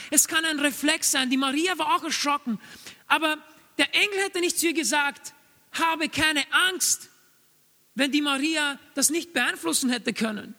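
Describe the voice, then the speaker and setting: A man's voice: extremely high pitch, pushed and bright. A man preaching a sermon to a congregation, earnest and urging, repeating his key phrases for emphasis. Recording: long reverb of a large hall.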